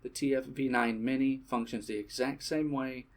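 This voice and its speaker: A man giving a relaxed product demonstration, talking casually with frequent fillers and self-corrections. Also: medium pitch, moderate pace. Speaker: shop presenter.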